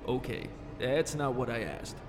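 A man voicing a calm male investigator who questions a witness formally and in a measured way, in an audio horror story. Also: medium pitch, over music. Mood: probing, curt.

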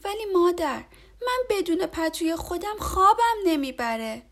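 A woman's voice: extremely high pitch, voice pushed up. A woman voicing a small, sad young boy turtle in a storybook, speaking in a pleading, whiny way. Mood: upset, pleading.

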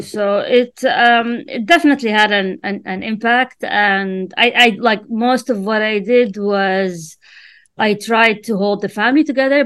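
Interview guest: middle-aged woman from Jordan, first language Arabic, smooth and clear tone, halting speech with lots of fillers, dry close sound. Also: medium pitch, no echo. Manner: hesitant, many fillers and restarts. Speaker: author and writer, interview guest. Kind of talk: casual interview answers.

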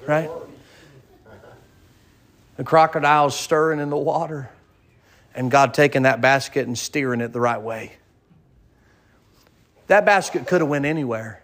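Pausing often, a pastor with a mid-range, slightly bright voice speaks at normal speed through his sermon. He brings a story to life, voices its characters, and puts rhetorical questions to the congregation.

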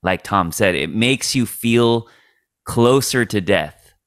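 A man nearing forty talks in a very deep, smooth and resonant voice. He muses thoughtfully on a casual faith podcast, pausing and restarting as he thinks. The sound is dry and close. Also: animated, a bit bright, no echo. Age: late 30s. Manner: reflective, thinks aloud with many fillers. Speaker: podcast co-host.

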